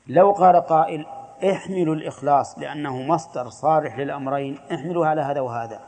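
A man's voice: mid-range voice, darkish tone. Man teaching a religious lesson, hall echo. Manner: explains step by step, asks students questions and answers them. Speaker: Islamic scholar teaching a creed text.

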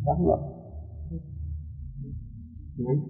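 A man's voice: unhurried, soft background music. A man, a religious scholar teaching a class on Islamic law, explaining and answering students' questions while repeating key words. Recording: phone-like audio in a long-echoing hall.

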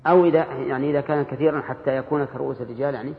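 A man giving a classroom lecture, explaining in a measured way and stopping to question his readers. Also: medium pitch, fairly even intonation, vocal fry, a little hiss or hum. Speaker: teacher explaining hadith and commentary. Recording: reverberant hall, dull sound.

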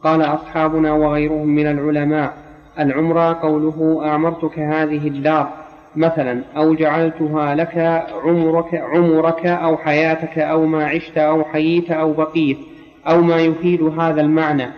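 A man reading a classical text aloud in a study circle, at a measured pace, going back over lines when corrected. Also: fairly high pitch, completely flat delivery. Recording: dull lo-fi recording with long reverb.

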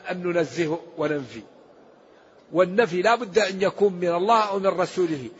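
A man's voice: sits high, husky. A man giving an emphatic religious lesson on scripture, explaining points with rhetorical questions. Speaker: Islamic scholar giving Quran commentary. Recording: dull lo-fi recording.

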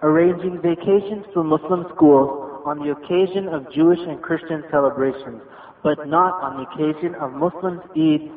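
A man's voice: on the high side, normal speed. Distant, echoey man reading out questions. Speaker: reader of questions for religious rulings. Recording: muffled phone-like tape, distant, echoey reverberant room.

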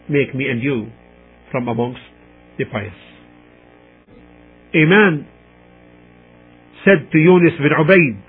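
A man lectures on religion through a narrow, tinny, radio-like channel. His voice is husky and his phrasing is deliberate, with pauses as he recites and then translates phrase by phrase. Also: medium pitch. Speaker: Islamic lecturer. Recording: muffled, tinny radio-like sound.

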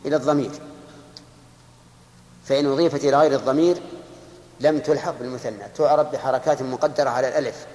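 A man's voice: medium pitch, steady tone, dark tone. Man teaching in an echoey hall. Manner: slows down to dictate quoted verses and examples; asks the class questions and repeats key points. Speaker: grammar teacher. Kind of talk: classroom lesson explaining verse text. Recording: echoey hall with long reverb.

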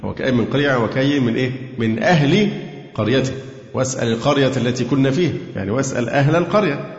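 A man's voice: medium pitch, very fast. A man teaching a Quran commentary lesson, explaining grammar and quizzing his listeners, sometimes chanting verses. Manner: asks and answers own questions, sometimes chants verses. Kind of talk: tafsir lesson with grammar analysis. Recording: echoey hall, dull lo-fi sound.

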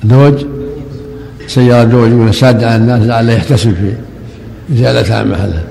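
A man's voice: medium pitch, steady tone, fast, creaky, warm tone. An older man, a sheikh teaching a classical text, who gives brief corrections and frequent short acknowledgments during the lesson. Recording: echoey hall with faint ambient noise.

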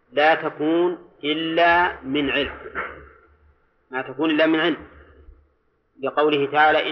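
Man lecturing in a muffled recording. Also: a little high. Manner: deliberate, repeats key phrases, quizzes students. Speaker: teacher of Quran commentary. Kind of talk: classroom lecture.

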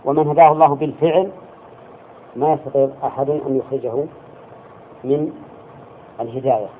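A male religious teacher giving a classroom lesson, explaining slowly and checking his students with quick questions. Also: medium pitch, steady tone. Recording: tinny lo-fi lecture recording with faint hiss.

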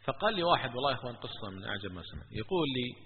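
A man preaching and telling stories in an animated religious lecture. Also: mid-range voice, rapid-fire, background noise. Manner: animated, with stories and rising emphasis. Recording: tinny lo-fi with long hall echo.

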